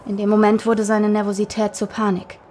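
A woman narrating a scripted spooky Halloween story in a measured storytelling manner. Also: medium pitch, monotone, dark tone, slight background noise.

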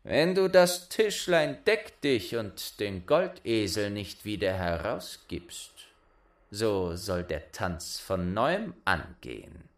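A man's voice: fairly low pitch, very animated, slow. A man voicing a bold, boastful young male turner in a fairy tale reading, with a raised, ringing delivery. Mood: stern.

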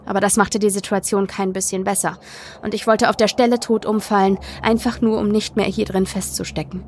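A woman reads a creepy story aloud in the first person, tense and expressive. Her voice is gravelly in a middle register, and faint noise sits under it. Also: medium pitch, a little fast. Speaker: podcast narrator. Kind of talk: dramatic horror story reading.

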